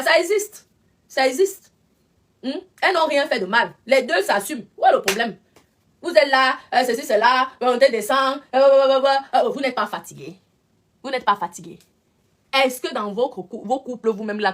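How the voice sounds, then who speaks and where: Woman, live-stream chat, slightly high voice, emphatic, repeats herself. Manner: emphatic, repeats points, addresses viewers directly. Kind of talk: casual live-stream commentary.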